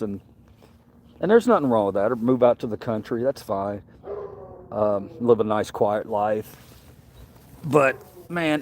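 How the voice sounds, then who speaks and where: This Mississippi livestream host, a middle-aged Gen X man, has a lowish, darkish voice and a Southern accent. He chats casually, rambling and repeating words, against slight background noise.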